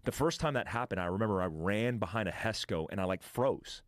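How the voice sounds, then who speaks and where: A man recounts combat as a podcast guest in a blunt, profane, casual way, stumbling into restarts and mimicking gunfire with his voice. His voice sits a little low. The sound is close and dry, with no room around it. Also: expressive, a little fast, no echo. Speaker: podcast guest, military veteran. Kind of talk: casual storytelling.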